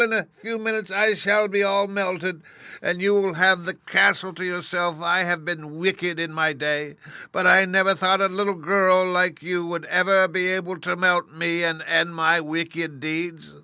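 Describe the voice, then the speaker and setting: A man voicing a wicked old female witch in a storybook reading, with a shrill, wailing voice. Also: fairly even intonation, unhurried, sharp tone, clear, resonant tone, no room sound, full character voice.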